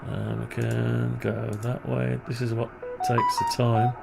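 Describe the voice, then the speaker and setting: A man's voice: medium pitch, monotone, takes it slowly, gravelly, loud music behind the voice. A man presenting a programming tutorial, thinking aloud as he works and grumbling wryly to himself. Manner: muttering, wry grumbling asides. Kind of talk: thinking aloud while working on screen.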